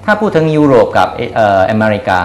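A man in his thirties answering interview questions as a company guest, hesitant, often pausing and repeating words. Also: medium pitch, very animated, echoey room. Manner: hesitant, frequent filler pauses and repeated words. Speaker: company executive being interviewed. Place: small indoor showroom office. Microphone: lapel mic.

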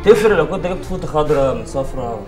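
A man's voice: a little high, animated, very fast, over music, lightly acted. An actor playing a cocky young man who taunts and mocks a captive officer, speaking with an Egyptian accent in a sarcastic, mock-soothing way. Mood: taunting. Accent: Egyptian Arabic. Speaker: taunting captor.

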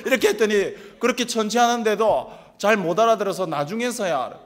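A man from Busan with a Gyeongsang accent, preaching a sermon as pastor, telling humorous stories with animated mimicry. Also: high voice, fast. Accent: Gyeongsang Korean. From Busan, South Korea. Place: large church sanctuary. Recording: long church reverb.

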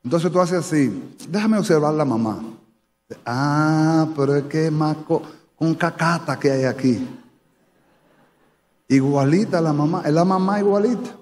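A Dominican pastor from the Dominican Republic, speaking with a Dominican Spanish accent, preaches a sermon to a live congregation in a church sanctuary and poses questions to them. His voice is fairly high-pitched, a little slow, and darkish in tone, and the recording carries the reverb of a church hall.

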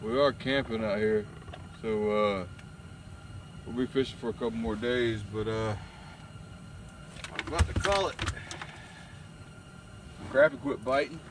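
A tired, sleepy fishing vlogger with a mid-range voice drawls a little slowly, with long pauses, as he camps and fishes on a lake at night. Talking casually to the camera, he teases the fish he catches in a folksy way. The outdoor recording is noisy, full of lake ambience.

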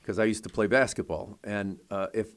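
A man hosting a live radio show in a studio, speaking in a somewhat low voice. He explains his points through homely, everyday examples and keeps tagging them with a quick "right?" to check in with his guest. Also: steady tone. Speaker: radio host.

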